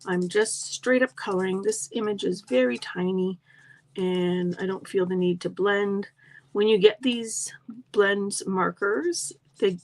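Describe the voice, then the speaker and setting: In a creaky, mid-range, slightly froggy voice, a middle-aged woman shows how to make cards during a live tutorial. She keeps things chatty, tossing friendly remarks to her viewers.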